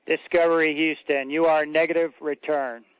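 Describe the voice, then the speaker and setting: Male communicator heard over radio, slightly raised pitch, clipped calls, dry muffled line. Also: little pitch movement, normal speed, no room sound. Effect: radio transmission. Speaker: mission control communicator.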